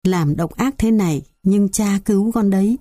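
A woman's voice: medium pitch, normal speed, dark tone, no echo, clean studio sound, natural voice. A woman voicing an old, frail village father and healer who speaks sternly and sorrowfully in a storybook tale.

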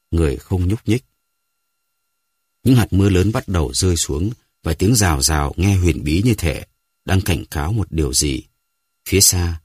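A man narrating a dramatic story in a measured, dramatic way. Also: deep voice, a little mellow, breathy edge, dry recording.

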